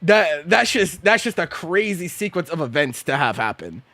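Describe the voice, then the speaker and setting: A young male streamer in casual chat, bright and sharp-toned, with a bone-dry close sound. He reacts with disbelief, swears freely, repeats himself and keeps cracking up. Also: on the high side, sing-song, normal speed, no echo. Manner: incredulous, laughs often, swears, repeats himself.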